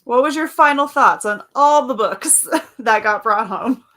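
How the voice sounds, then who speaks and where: A woman with a raspy voice hosting a casual livestream, reading viewers' comments aloud and chatting about them. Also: a little high, expressive, unhurried, sharp tone. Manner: chatty, reads comments aloud, laughs often. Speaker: livestream host.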